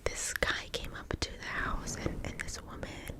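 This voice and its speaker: A woman hosting ASMR, telling casual stories in a breathy, unvoiced whisper close to the mic in a chatty, rambling way. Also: moderate pace. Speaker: ASMR host. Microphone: close-up mic with fluffy cover.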